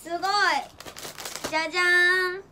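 With a very high-pitched voice at a moderate pace, this teenage idol livestreamer giggles through casual chat while showing viewers her gifts. Her talk is excitable, sprinkled with playful gyaru slang and silly sound effects, coming from a small decorated indoor room with faint background noise.

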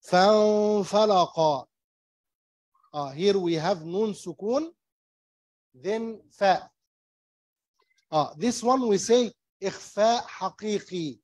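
A man teaching Quran recitation rules, explaining slowly and patiently in English and demonstrating the recitation, repeating each term. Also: high voice, darkish tone, no room sound. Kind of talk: slow tajweed lesson, mixing English and Arabic. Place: small mosque classroom.

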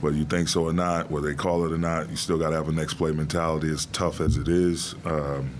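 A middle-aged man coaching basketball, answering press questions in a measured, deliberate way with many fillers, into a desk mic in a press room. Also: very deep voice, level tone, a little hiss or hum. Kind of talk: postgame press conference answers. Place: press room before a logo backdrop. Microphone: desk mic on a stand.

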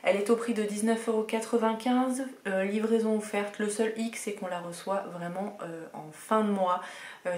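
A woman's voice: mid-range voice, slight background noise. Chatty female unboxing host, mid-range voice, recorded in a reverberant room. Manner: chatty, enthusiastic, many hesitations. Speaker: beauty box reviewer. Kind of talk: casual unboxing chat. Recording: roomy echoey room.

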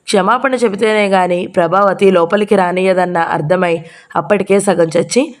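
A woman's voice: mid-range voice, fairly even intonation, normal speed. Woman narrating a story steadily. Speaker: audiobook narrator.

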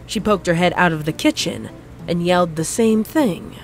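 A woman narrating a fan story in an even storybook reading. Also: fairly low pitch, moderate pace, loud music behind the voice. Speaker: fanfic narrator. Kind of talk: scripted narration.

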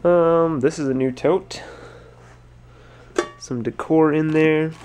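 Filmed on a handheld or head-mounted camera, a man who owns a resale store thinks out loud as he goes through totes in a cluttered stock room. It's a casual narrated unboxing vlog, and he speaks slowly in a fairly high, steady voice over background noise.

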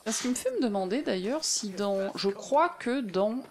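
A woman's voice: mid-range voice, lively intonation, normal speed, a little hiss or hum. A woman playing along in a let's play, chatty and teasing as she comments. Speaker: co-player. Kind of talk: casual gameplay chat.

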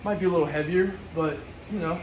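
A man's voice: a little high, fast, a little mellow, a little hiss or hum, rough recording. A young man with a playful, joking manner, showing chest exercises at home. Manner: playful, bro-ish banter while exercising. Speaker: workout vlogger. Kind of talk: joking workout demo. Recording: music playing underneath. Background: background music.

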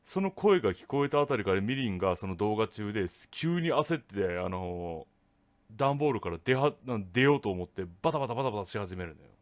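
Low-voiced man telling a casual ghost story. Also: a little fast. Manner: rough, casual speech with lively swings. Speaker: ghost story teller, channel host.

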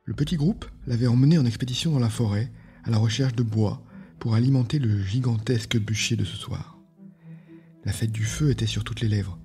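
Podcast host guy reading a novel out loud, warm mellow voice, faint music behind. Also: fairly low pitch.

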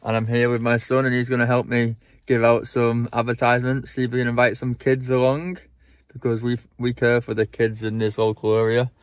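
In a parked car, a man holds his phone at arm's length and records a reflective church vlog, speaking earnestly with many ums. His medium-pitched voice is clean and monotone, his pace brisk, with no echo.

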